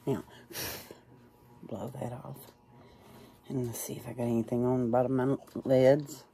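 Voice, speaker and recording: A woman chatting casually through her makeup, soft-spoken and plain-spoken, often dropping into a whisper. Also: a bass voice, little pitch movement, moderate pace, creaky, background noise. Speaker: makeup vlogger. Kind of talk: casual makeup tutorial chat.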